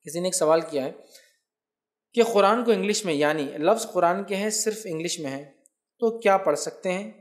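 A man answering viewers' questions as a religious scholar. He explains patiently, keeps checking that listeners follow him, and slowly sounds out Arabic words to show how they are pronounced. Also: high-pitched.

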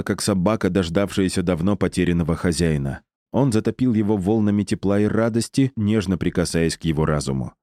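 A man narrates an audiobook in a steady, even delivery. His voice is very low and mellow, and the recording is dry and close. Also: no echo. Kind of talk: scripted narration.

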